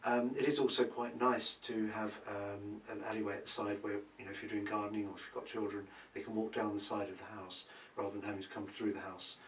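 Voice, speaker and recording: A man's voice: fairly low pitch, fast, few pauses. Man giving property advice from a distance. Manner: relaxed, thinks aloud with many ums and uhs. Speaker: property expert answering viewer questions. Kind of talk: casual advice Q&A. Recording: roomy, from a distance, faint background hum.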